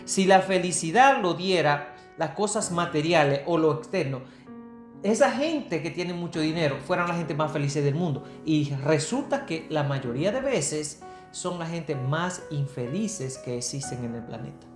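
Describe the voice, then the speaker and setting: A woman's voice: low-pitched, animated, a little slow. A woman from the Republic, giving an earnest Bible teaching sermon and answering her own rhetorical questions. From Dominican Republic. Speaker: preacher. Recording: echoey room with soft guitar music. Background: faint guitar music.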